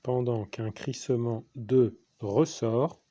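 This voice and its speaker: Slow, mellow-voiced French man dictating. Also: mid-range voice, fairly even intonation, no echo. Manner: repeats phrases and speaks the punctuation aloud. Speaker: teacher giving a dictation.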